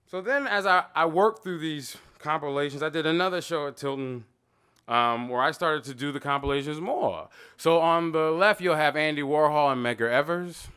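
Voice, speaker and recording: A man in his thirties talking casually about his artwork, animated and digressive, often quoting voices as he tells stories. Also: fairly high pitch, moderate pace, clear, resonant tone. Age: 30s. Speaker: artist talking about his own work. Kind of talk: gallery talk, casual storytelling.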